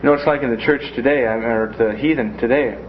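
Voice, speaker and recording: A man with a medium-pitched voice talks fairly quickly as he teaches a Bible class in a classroom, keeping things folksy and tossing in joking asides. The classroom recording sounds dull and lo-fi, with a faint layer of noise.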